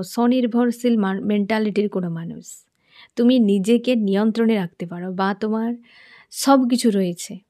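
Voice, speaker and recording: Mellow-voiced woman doing a tarot reading. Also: medium pitch. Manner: chatty, addresses the viewer as friend, asks "understand?". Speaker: tarot reader. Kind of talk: casual tarot reading to camera.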